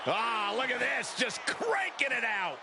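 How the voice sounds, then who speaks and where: A man calling wrestling play-by-play as a commentator, with emphatic, punchy calls over loud arena game noise. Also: very high voice, sing-song, measured pace, exaggerated voice.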